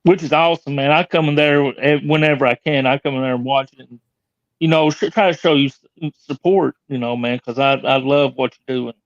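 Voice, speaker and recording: A man's voice: mid-range voice, brisk, no echo. A man chatting on a livestream in a laid-back, agreeable way, with loose slangy speech. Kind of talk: casual livestream chat. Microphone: video call. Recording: slightly muffled audio.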